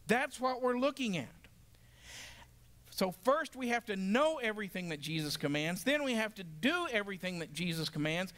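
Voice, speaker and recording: A man's voice: sits high, expressive, normal speed, fairly bright tone. A man teaching a Bible lesson to a class, emphatic and asking the group questions.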